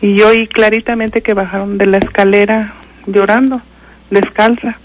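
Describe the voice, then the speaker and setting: A woman's voice: mid-range voice, little pitch movement, slight background noise, poor audio. Hesitant older Mexican woman caller. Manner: halting, full of fillers and restarts. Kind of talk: telling a ghost story on a radio call-in.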